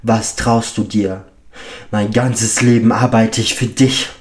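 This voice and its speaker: A man voicing a furious, abusive middle-aged father who bellows his accusations loudly. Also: on the low side, fairly even intonation, unhurried. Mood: raging.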